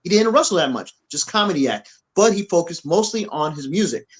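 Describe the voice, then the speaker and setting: Brief: high-voiced male podcast co-host, blunt and profane, repeats himself mid-rant. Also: fairly quick, rough recording. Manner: blunt, repetitive, profane, animated. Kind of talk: heated opinion rant. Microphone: on camera.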